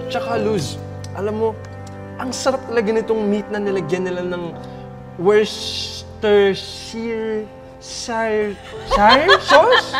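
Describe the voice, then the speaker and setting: A man's voice: high-pitched, expressive, a little slow, long pauses. A man playing a nervous, shy young man who is awkward and hesitant on a date. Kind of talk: TV comedy drama acting. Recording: strong background music score.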